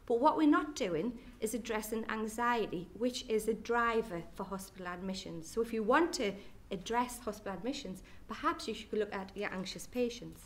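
A woman's voice: on the high side, normal speed, few pauses. Chatty Geordie woman giving a talk. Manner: chatty, jokey asides to the audience. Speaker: nurse consultant. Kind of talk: conference presentation. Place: lecture hall at an education day.

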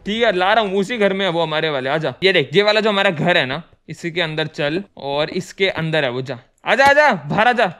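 A young man giving loud, excitable let's-play commentary, shouting alarmed bursts as he plays with friends. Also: sits high, moderate pace, few pauses. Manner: loud, excitable, yelling bursts of alarm, mixes English exclamations into Hindi. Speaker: gaming YouTuber playing with friends. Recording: game music playing clearly behind.

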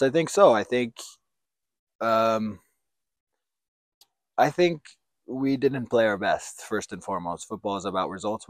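A man in his thirties, a professional footballer, answering questions in an outdoor sit-down interview, measured and reflective, with a handheld mic. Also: lowish voice, dry recording. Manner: measured, reflective, speaks in considered restarts. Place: outdoors by sports courts. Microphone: handheld branded mic.

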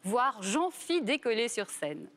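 A woman with a slightly high voice hosts a culture interview on a news channel. She reads smooth scripted introductions and then keeps the guest going with short, friendly prompts. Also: very animated, slow, a bit bright.

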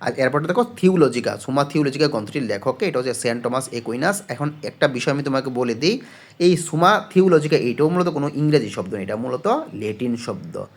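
A man's voice: medium pitch, lively intonation, brisk. A man tutors students for an exam, patiently explaining, asking his own questions and answering them, with frequent hesitation fillers. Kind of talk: casual spoken lesson.

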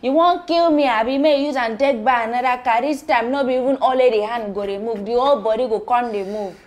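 A woman's voice: on the high side, fairly even intonation, brisk, lightly acted. An actress playing a sassy young woman who works in a shop, teasing in Nigerian Pidgin. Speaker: shop worker. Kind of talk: Nollywood film acting.

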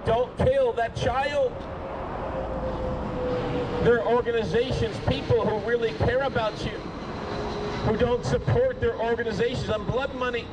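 A man preaching in the open air by a street, pleading and rebuking by turns, at times shouting and then dropping low. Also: steady tone, measured pace, long pauses. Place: outdoors by a street with passing traffic. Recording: outdoor street noise, traffic. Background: cars passing.

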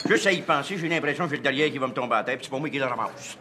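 A man playing an excitable, sharp-tongued older working-class mother with a Quebec French accent, in broad, exaggerated sitcom style. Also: mid-range voice, background noise, close to an everyday voice. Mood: lazy, grumbling. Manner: exaggerated, drawn-out exclamations and sarcastic teasing. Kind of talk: broad sitcom comedy acting.

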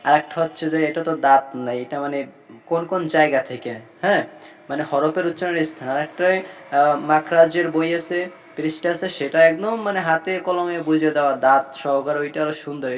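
A man teaching Quran reading, patiently drilling each letter and repeating points slowly. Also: on the high side, dull audio, a little hiss or hum.

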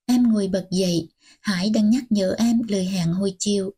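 A woman reading a novel aloud as an audiobook narrator, in gentle, unhurried storytelling. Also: mid-range voice, husky.

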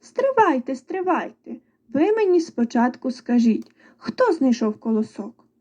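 A woman's voice: high voice, expressive, normal speed, warm tone. A woman doing a hardworking little rooster. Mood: reproachful.

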